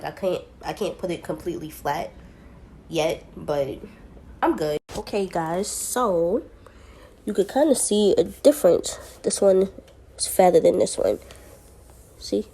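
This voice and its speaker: A woman's voice: fairly low pitch, animated, normal speed, dark tone, slight background noise. Chatty young woman telling a story. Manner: chatty and blunt, swears freely, acts out quoted people. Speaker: vlogger. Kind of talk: casual storytelling to camera.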